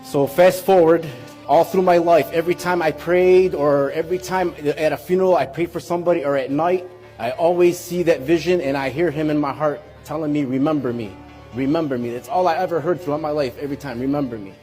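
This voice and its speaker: A man's voice: on the high side, steady tone, brisk, darkish tone, soft background music. A man in his forties telling an emotional personal testimony, earnest and heartfelt, with frequent restarts. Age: 40s. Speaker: speaker giving a personal testimony.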